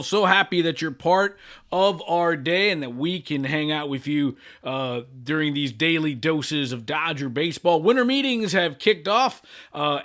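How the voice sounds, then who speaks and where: A man's voice: fairly high pitch, sharp tone. A middle-aged man from Los Angeles hosting a sports channel, talking through the news in a loose, conversational way with frequent fillers and restarts. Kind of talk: casual sports commentary.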